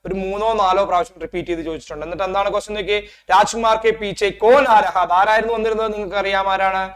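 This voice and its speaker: A man tutoring students for a Hindi exam. He reads the Hindi lines slowly, then explains them, and keeps asking his students questions. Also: high voice, fairly even intonation, a bit bright. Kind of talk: exam-prep lesson.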